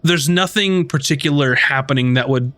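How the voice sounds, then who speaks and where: A man narrating as game master, relaxed and rambling, with many ums and likes. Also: mid-range voice, normal speed, no echo.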